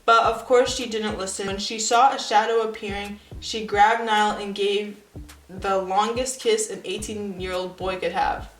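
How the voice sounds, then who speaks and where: A woman's voice: mid-range voice, steady tone, unhurried, reverberant, slight background noise, rough recording. A woman of nineteen reading her old story aloud and breaking off for sarcastic, self-mocking comments. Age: young adult. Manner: sarcastic, self-mocking asides between read passages.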